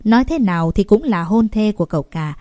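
A woman narrating a novel in an even, steady voice of middle pitch. The reading is calm and measured. The recording is dry and close. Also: no echo. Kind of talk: audiobook narration.

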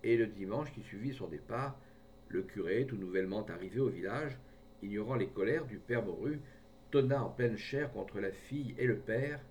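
Man, audiobook reader, measured storytelling, distant mic, faint rumble. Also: darkish tone. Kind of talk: reading a short story aloud.

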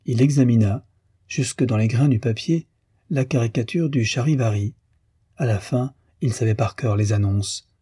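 A man narrating a classic novel as an audiobook, reading in a measured, unhurried literary manner. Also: mid-range voice, warm tone, husky, no echo, clean studio sound.

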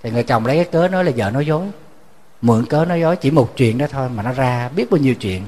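A man, a Buddhist monk, giving a sermon as a lively storyteller who repeats words when he restarts. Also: very fast. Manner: storytelling, acting out quoted voices with rising pitch.

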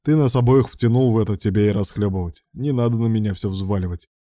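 A man's voice: fairly low pitch, quick pace, warm tone, dry recording, studio quality, natural voice. A man voicing a drunk, sardonic young man who mocks everyone around him. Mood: drunk sneering. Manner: sneering, sarcastic.

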